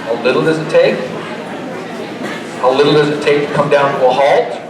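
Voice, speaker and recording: A middle-aged man giving a live demonstration and pitch to an audience in a folksy, joking, motivational way, as a trainer. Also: fairly even intonation, normal speed. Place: large indoor horse expo arena. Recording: echoey expo hall, distant, crowd noise. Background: crowd.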